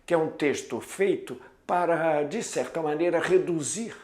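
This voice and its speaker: A man's voice: a little high, unhurried, a little mellow, roomy sound. A man teaching a lesson, lecturing didactically with emphatic stress. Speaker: Portuguese teacher. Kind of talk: recorded classroom lecture.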